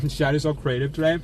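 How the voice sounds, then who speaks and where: A man's voice: medium pitch, noisy background. A young man livestreaming, chatting casually while eating, in a jokey, folksy put-on American drawl. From Sweden. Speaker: streamer.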